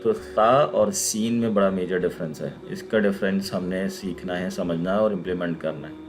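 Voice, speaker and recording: Male recitation tutor, lowish voice, slow and patient, repeats each letter sound, faint music under. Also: fairly even intonation. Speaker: Quran recitation teacher. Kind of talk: recorded online lesson with screen pointer.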